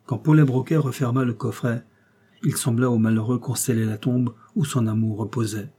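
A man reading a novel aloud in measured, steady scripted narration. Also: mid-range voice, slightly rough. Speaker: audiobook reader.

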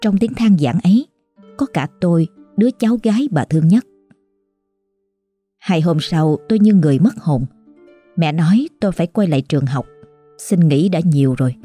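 A woman narrating a horror story in an emotive, dramatic manner, over soft background music. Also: lowish voice, animated, moderate pace, long pauses, husky.

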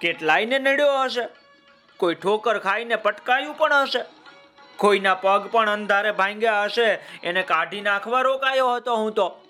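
A man's voice: sits high, normal speed, pushed and bright, soft background music, voice pushed up. A man voicing a determined village boy who speaks in a firm, earnest way in a children's story.

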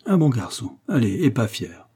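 Man putting on a cocky young parisian guy, slangy and sassy, husky edge. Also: mid-range voice, very animated, moderate pace, dark tone. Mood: cheeky. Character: cheeky young Parisian working-class man.

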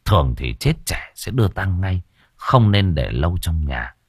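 A man's voice: low-pitched, big pitch swings, normal speed, breathy edge, dry recording, studio quality. A man narrating a horror story in a dramatic, emphatic storytelling manner.

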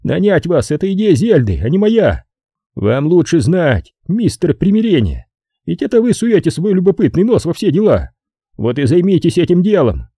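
A man's voice: high-pitched, sing-song, moderate pace, warm tone, breathy edge, dry recording, clean studio sound, voice pushed up, exaggerated voice. A male audiobook narrator voicing a sulky, tired man who stubbornly pushes the problem onto someone else. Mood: grumbling. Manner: petulant and complaining.

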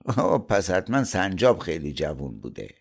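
A man voicing a menacing male demon who shouts his demands in a booming voice. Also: big pitch swings, gravelly, slightly rough, heavily acted. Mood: scornful.

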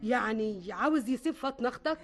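A woman's voice: fairly high pitch, lively intonation, quick pace, over music. An actress with an Egyptian accent playing an anxious, indignant mother in a radio drama. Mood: worried, indignant. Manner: exclaiming, indignant.

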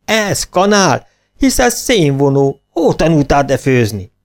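A man voicing a bossy head cook in a storybook, scolding and shouting. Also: fairly high pitch, animated, voice pushed up, close to an everyday voice. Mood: furious.

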